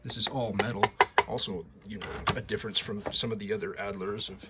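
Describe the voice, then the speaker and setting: A man's voice: on the low side, fairly even intonation, brisk, heavy background noise. A man casually showing off and explaining a typewriter, rambling and repeating words with enthusiasm. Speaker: typewriter restorer. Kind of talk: casual show-and-tell.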